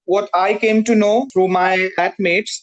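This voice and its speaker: A man from Pakistan practicing English over a video call, speaking carefully with many "uh" pauses. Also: high-pitched, fairly even intonation, rough recording. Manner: careful, hesitant, frequent "uh" pauses. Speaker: English learner. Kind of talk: conversation practice.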